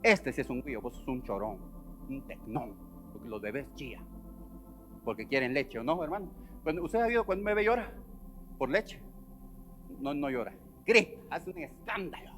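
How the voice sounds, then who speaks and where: A man preaching a sermon at a church service, acting out the voices he quotes and swinging between loud and soft. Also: medium pitch, moderate pace, long pauses, a little hiss or hum.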